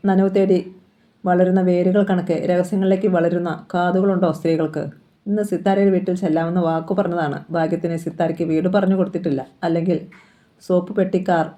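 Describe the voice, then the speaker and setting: A woman reading a novel aloud in a steady, expressive narration. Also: on the low side, fairly quick. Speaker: audiobook reader.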